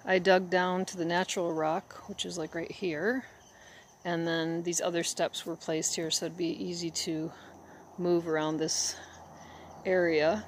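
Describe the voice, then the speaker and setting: A woman walking through her garden, recording on a phone and pointing out the plants in an unhurried way. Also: lowish voice, level tone, slight background noise. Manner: unhurried, pointing things out as she walks. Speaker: gardener giving a tour. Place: outdoor garden. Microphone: handheld phone, speaker behind camera. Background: crickets and outdoor ambience.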